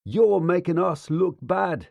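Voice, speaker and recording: A woman's voice: on the low side, slow, dry recording, highs cut off. A woman voicing a sarcastic, teasing young male rocker bandmate in an audiobook. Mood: taunting. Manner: sarcastic and taunting.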